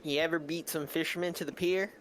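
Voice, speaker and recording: A young man with a fairly high voice who chats with friends over a story game and reads the characters' lines aloud in playful, folksy voices. Faint noise sits behind him. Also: steady tone, fast talker, fairly bright tone. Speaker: co-player. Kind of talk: casual game chat with friends.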